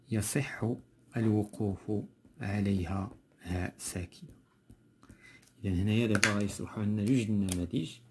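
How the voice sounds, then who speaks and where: A man's voice: on the low side, a little mellow, a little hiss or hum. A man with a Moroccan accent teaching a textbook grammar lesson, going step by step and repeating key words.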